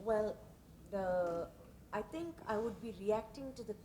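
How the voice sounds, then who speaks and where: A woman's voice: medium pitch, animated, unhurried, dark tone. A woman in a seminar audience giving a hesitant, joking answer. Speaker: audience member.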